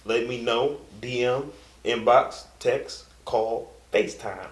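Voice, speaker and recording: A man's voice: mid-range voice, slow. A young man co-hosting a casual fitness chat, talking in a laid-back, loose way with trailing fillers. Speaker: co-host. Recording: echoey room.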